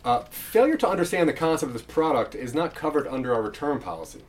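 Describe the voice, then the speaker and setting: A man's voice: on the high side, expressive, fast talker, natural voice. A man playing an officious customer service agent with weary, exasperated politeness on a comedy phone call. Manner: formal, hesitant, exasperated politeness. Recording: faint background noise and ambience.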